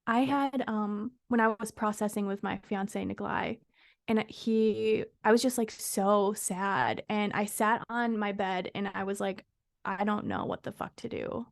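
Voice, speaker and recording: A woman guest on a podcast, candidly telling a personal story in an expressive, somewhat profane way. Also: medium pitch, a little slow, creaky, no echo. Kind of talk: casual storytelling.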